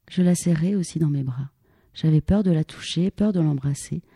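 Female audiobook narrator, calm and even; husky timbre, dry booth sound. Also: deep voice, no room sound. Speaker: audiobook reader. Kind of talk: scripted literary narration.

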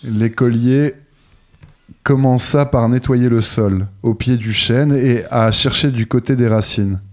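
A man reads a fairy tale aloud at an even, steady pace. His voice is dark and mellow, with a pitch that sits at an ordinary middle level. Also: slow pace. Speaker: narrator. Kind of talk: storybook narration.

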